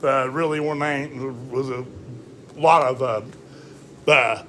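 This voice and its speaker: A bright-voiced man teaching Bible study. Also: medium pitch, steady tone, a little hiss or hum. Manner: conversational, checks in with "all right?", reads scripture slowly. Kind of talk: casual Bible study lesson.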